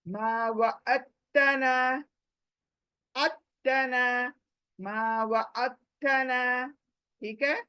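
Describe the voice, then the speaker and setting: Woman teacher, unhurried, repeats words, slightly muffled dry recording. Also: fairly high pitch, no echo. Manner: slow, patient, repeats each word for drilling. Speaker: Quran recitation teacher. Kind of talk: slow online tajweed lesson.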